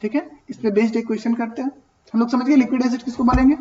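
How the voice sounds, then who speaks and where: A man's voice: very high voice, steady tone, racing, dark tone, highs cut off. A man teaching an accounting class, talking casually and asking and answering his own questions. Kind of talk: classroom lecture.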